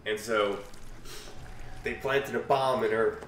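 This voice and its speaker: A man's voice: fairly low pitch, fairly even intonation, slow pace, a little hiss or hum. A young man giving casual commentary as he plays a video game. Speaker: gaming video host playing the game. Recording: roomy, distant mic, loud game music.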